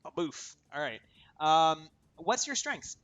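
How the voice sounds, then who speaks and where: A man's voice: fairly high pitch, very animated, slow, a bit bright. A man narrating as game master in a casual tabletop session, chatty and full of fillers. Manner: chatty, many fillers, laughing at himself.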